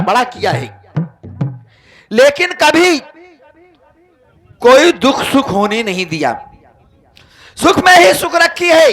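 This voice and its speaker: A man's voice: extremely high pitch, pushed and bright, heavily acted. A man playing a betrayed, hot-tempered brother in a folk stage drama, declaiming melodramatically to the audience.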